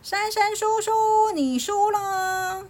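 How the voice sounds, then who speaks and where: A cheeky, quick-witted little boy from a children's storybook, raised high and bright, as a woman puts him on. He talks with easy confidence and teases the grown-ups. A faint hiss sits under the voice. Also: sing-song. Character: clever cheeky little boy, monkey's son.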